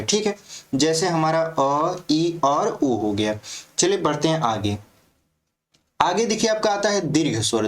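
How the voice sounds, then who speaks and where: A man teaching a grammar lesson for exam prep, explaining step by step and often checking that students follow. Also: on the high side.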